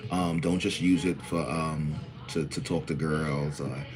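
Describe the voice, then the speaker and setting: Over music, a bass-voiced man in his forties from New runs his livestream at an unhurried, steady clip. He chats casually and greets his viewers by name.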